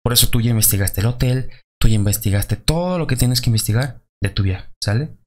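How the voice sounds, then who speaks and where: A young adult man with a Mexican accent, talking loosely in a casual advice vlog, full of fillers and quick check-ins with the viewer. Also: medium pitch. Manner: chatty, loose, many fillers and tags like "¿sale?". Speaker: vlogger.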